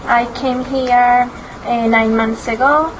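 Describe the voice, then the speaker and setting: A woman's voice: fairly high pitch, fairly even intonation, slow pace, noisy background. A woman, introducing herself in simple, hesitant English. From Colombia. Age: 20s. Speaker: adult English student.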